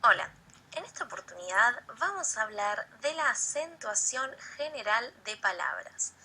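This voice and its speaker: A woman teacher explaining grammar slowly, repeating key words and checking that her listeners follow. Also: on the high side, big pitch swings, sharp tone, a little hiss or hum, poor audio. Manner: slow and repetitive, checking in with listeners. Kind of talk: classroom explanation.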